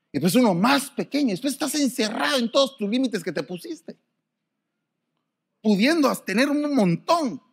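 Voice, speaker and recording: A man preaching a sermon. His voice sits a little high and swoops widely in pitch. He drops to near-whispers, then bursts out loud. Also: gravelly, breathy edge. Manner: animated, swinging from soft to shouted.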